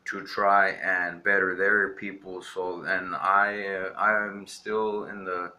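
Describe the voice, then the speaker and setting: Speaking slowly in a low, level voice that sounds pushed and bright, a young man from Texas delivers a defiant, rambling rant to camera as a vlogger, leaning hard on "you know."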